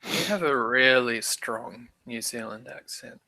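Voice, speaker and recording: A man's voice: medium pitch, measured pace, bright, forceful tone, rough recording. A man chatting casually on an internet group call. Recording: faint noise on online call.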